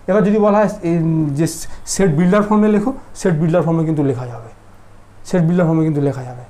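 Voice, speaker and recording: A man's voice: a little high, quick pace, warm tone. A man teaching math in a casual classroom lecture, teasing his students and constantly asking if they follow. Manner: teasing, asks students constant check questions. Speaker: mathematics teacher.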